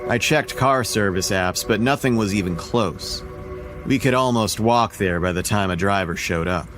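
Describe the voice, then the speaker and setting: A man in his thirties with a natural, lowish voice narrates a scripted horror audio drama at normal speed, telling his own ordeal in the first person with dry, sardonic wryness. Music runs in the background.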